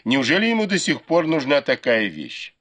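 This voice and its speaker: A man's voice: medium pitch, huge pitch swings, normal speed, a bit bright, pitched above the performer's own voice. A man doing a teasing cheerful young lady. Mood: teasing, lively. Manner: light, teasing.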